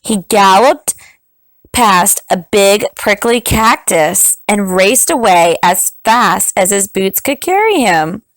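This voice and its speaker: Slow, lively-voiced woman reading a story. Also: no room sound, rough recording. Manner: slow, highly expressive storytelling. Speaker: teacher reading aloud. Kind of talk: storybook read-aloud for children.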